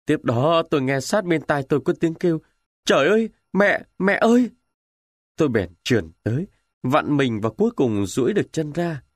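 A man narrating a war novel in the first person with dramatic, expressive delivery. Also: mid-range voice, no room sound, clean studio sound. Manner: expressive, emotional storytelling. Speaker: audiobook narrator.

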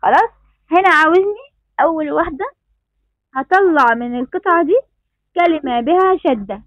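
High-voiced Egyptian woman teaching children. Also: animated, moderate pace, no echo, muffled recording. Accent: Egyptian Arabic. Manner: encouraging, repeats praise and instructions. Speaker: primary school teacher. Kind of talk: online class. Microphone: computer mic on a video call.

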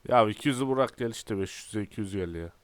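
A young man in his twenties giving casual, exasperated gameplay commentary and often clearing his throat. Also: on the low side, fast, dry recording. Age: 20s. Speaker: gaming YouTuber.

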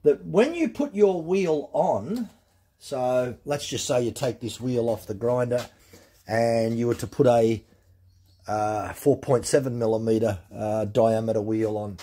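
A man's voice: mid-range voice, measured pace, dark tone, husky. A man teaching chainsaw sharpening in his workshop, explaining step by step in a plain-spoken way and repeating the key points. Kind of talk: casual how-to demonstration. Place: workshop with grinders and tool wall.

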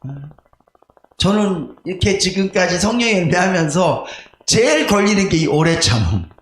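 A male pastor preaching a conversational, storytelling sermon, animated and confessional, making jokes at his own expense. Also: high voice, normal speed. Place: church sanctuary. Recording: echoey church room with faint background noise.

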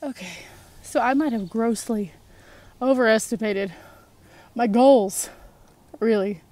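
A woman's voice: on the high side, slow, mellow. Breathless woman vlogging a steep hike. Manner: breathless, tired, chatty. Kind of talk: hiking vlog to camera. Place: steep outdoor mountain stair trail. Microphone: phone held at arm's length.

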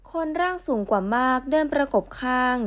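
A woman narrating a romance novel audiobook in smooth, even storytelling. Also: high voice, fairly quick.

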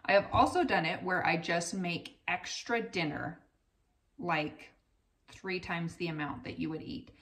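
A woman's voice: fairly low pitch, a little slow, fairly bright tone, recorded from a distance. A woman in her thirties chatting candidly to camera in her home kitchen, in a conversational, self-deprecating way. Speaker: vlogger, mother. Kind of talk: casual chat to camera. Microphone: camera a little way off.

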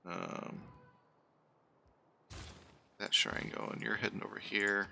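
A man's voice: fairly low pitch, level tone, takes it slowly, vocal fry, sharp tone, a little hiss or hum. A man giving casual let's-play commentary, muttering running asides to himself and his units in a wry, self-deprecating way. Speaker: gaming channel host.

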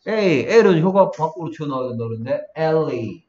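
A man tutoring English pronunciation one-on-one, saying sounds slowly and then faster, and asking the student to repeat them. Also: on the high side, expressive. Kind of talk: one-on-one phonics lesson. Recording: dull, lo-fi sound.

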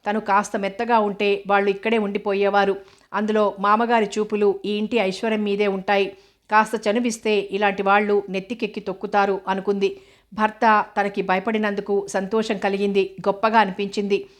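A woman narrating a novel as an audiobook, with a steady, even reading. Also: medium pitch, a little fast.

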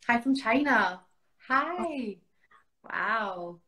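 On a casual webcam call from her home, a forties-aged Scottish woman with a Scottish accent joins as a guest and reads out greetings from viewers. Her voice runs on the high side, bright and forceful, with lively intonation and drawn-out words, captured in a rough recording.

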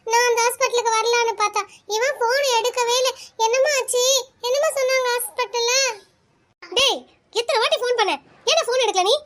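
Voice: very high-pitched, fairly bright tone. A performer voicing an anxious middle-aged mother-in-law in a cartoon, fussing and talking over everyone. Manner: worried, talks over others, fussing. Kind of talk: cartoon voice acting.

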